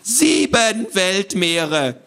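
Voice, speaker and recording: A man's voice: high voice, very animated, very slow, vocal fry, bright, forceful tone, pitched above the performer's own voice, heavily acted. A man voicing a small, fussy know-it-all creature with a squawking, nasal voice and pedantic corrections. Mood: pedantic, indignant.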